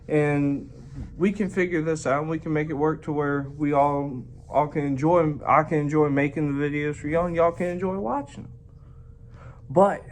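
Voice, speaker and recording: A man's voice: on the high side, slight background noise. Southern country guy vlogging, talkin with a fat lip full of dip, folksy and rambly. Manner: folksy, drawn-out country phrasing. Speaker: video channel host reviewing dipping tobacco. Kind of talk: casual rambling vlog chat.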